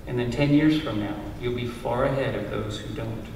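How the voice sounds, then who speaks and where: On a stage, a middle-aged man who lectures at a university reads a prepared commencement speech from his notes into a stand mic, sounding earnest and encouraging. He speaks at a moderate pace in a medium, slightly mellow voice. A faint hiss or hum sits under the distant, roomy hall acoustics.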